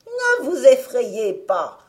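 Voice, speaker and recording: A woman voicing a hideous, cruel old witch who eats children, with a loud, harsh, fierce voice. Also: high-pitched, huge pitch swings, takes it slowly, voice pushed up, exaggerated voice. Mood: coaxing.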